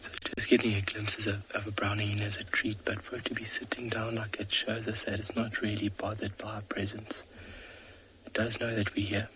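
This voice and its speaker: A man whispering live wildlife commentary as a safari guide at a watering hole, hushed and awed. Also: lowish voice, little pitch movement, fairly quick. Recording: outdoor ambience noise.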